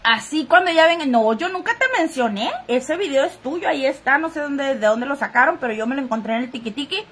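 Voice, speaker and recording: A woman's voice: high voice, fairly quick, fairly bright tone, a little hiss or hum. A woman hosting a casual gossip live stream, chatting straight to viewers, thanking commenters and sniffling now and then. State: sniffly, runny nose.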